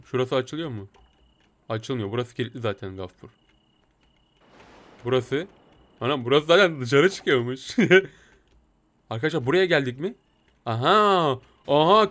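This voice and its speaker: A man giving playful let's-play commentary while speaking as a talking cat, excitable and jumpy, often repeating words. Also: fairly high pitch. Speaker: gaming video host.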